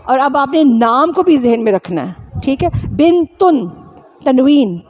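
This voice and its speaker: A high-pitched woman from Pakistan teaches a grammar class. She drills her students by repeating syllables again and again and keeps quizzing them with short, quick questions. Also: animated, a little mellow.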